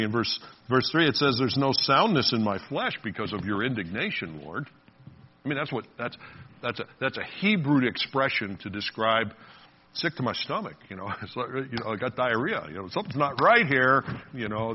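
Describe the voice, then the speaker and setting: A man's voice: mid-range voice, breathy edge, dull audio. A man preaching a sermon in a conversational way, laughing often and putting on playful voices for quotes. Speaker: pastor.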